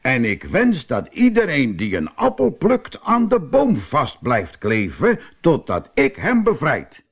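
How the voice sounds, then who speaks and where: A man voicing a cunning, easygoing male shoemaker who talks calmly and slyly. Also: medium pitch, slow, gravelly, hardly any pauses, husky, voice pushed up, exaggerated voice. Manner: calm, sly and friendly.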